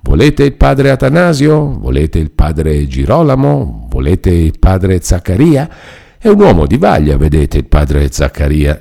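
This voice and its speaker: A man's voice: low voice, vocal fry, warm tone, exaggerated voice. A man voicing a chatty self-important old friar. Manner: garrulous, explaining, reassuring.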